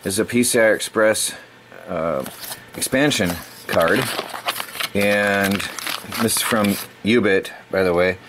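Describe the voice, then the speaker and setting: A man's voice: fairly low pitch, takes it slowly, pauses often, noisy background. A middle-aged man hosting a casual unboxing video, rambling and stumbling over words as he corrects himself. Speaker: tech channel host.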